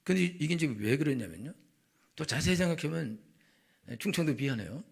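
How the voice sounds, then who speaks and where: A male pastor preaching in a relaxed, conversational way, acting out bits of dialogue as he tells his stories. His voice is gravelly, with a husky edge. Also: on the high side, fairly quick. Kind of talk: sermon.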